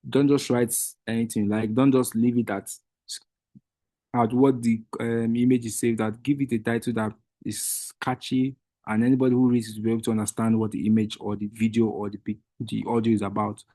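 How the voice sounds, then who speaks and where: A workshop trainer whose first language is Igbo walks a webinar group through a screen-share tutorial step by step, patiently but with frequent restarts. His voice sits on the low side with a warm tone and little pitch movement, and he speaks briskly. There's no room sound.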